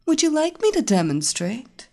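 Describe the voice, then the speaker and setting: A woman's voice: high voice, sing-song, darkish tone, pitched above the performer's own voice. Woman playing a sultry taunting psychic. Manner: slow, sultry, teasing.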